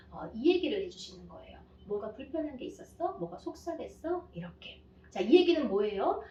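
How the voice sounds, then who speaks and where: A woman's voice: on the high side, a little mellow, reverberant, distant mic, dull audio, slight background noise. A woman parenting coach giving an advice lecture, speaking straight to viewers and posing rhetorical questions.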